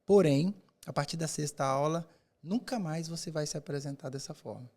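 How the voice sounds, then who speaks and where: A man's voice: a little high, normal speed, a little mellow. A man who mentors public speaking, answering in a podcast interview with emphatic, rhetorical delivery and repeated words for effect.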